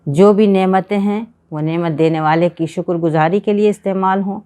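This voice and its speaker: A woman with a somewhat low voice delivers a religious lecture on a Quran chapter. She talks in a measured, earnest way and builds her points through repeated phrases. She sounds like a teacher guiding listeners. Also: fairly even intonation, dark tone.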